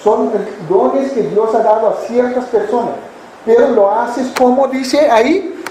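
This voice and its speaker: High-voiced man preaching a Sunday sermon. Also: measured pace, warm tone, reverberant, a little hiss or hum, low-quality recording. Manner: asks the congregation questions and answers them himself; acts out foolish attitudes in mocking voices. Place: church hall.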